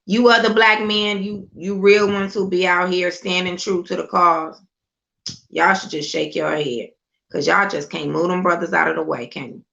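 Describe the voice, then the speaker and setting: A woman's voice: fairly low pitch, creaky, pushed and bright. A woman giving a fiery, sarcastic political monologue, hammering home points with repeated rhetorical questions, on a slightly dull lo-fi recording. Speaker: political commentator.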